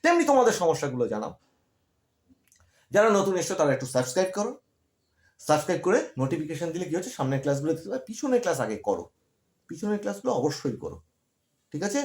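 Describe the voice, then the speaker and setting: A man's voice: on the high side, very animated, fast, pauses often, reverberant. A man who tutors school students online, giving encouraging study advice and checking in with "ঠিক আছে?" as he repeats his points.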